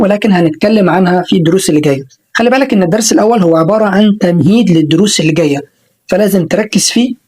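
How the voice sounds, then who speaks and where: A woman with an Egyptian Arabic accent teaches an online pronunciation lesson, sounding out words slowly and repeating them for learners to copy. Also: mid-range voice, darkish tone, husky, low-quality recording.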